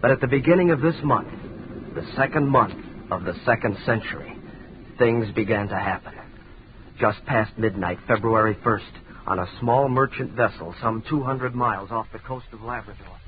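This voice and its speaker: A man's voice: mid-range voice, normal speed, a little hiss or hum, lightly acted. An actor in 1940s radio drama playing a wounded man who earnestly recounts his family's curse. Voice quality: earnest, storytelling. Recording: tinny old radio broadcast.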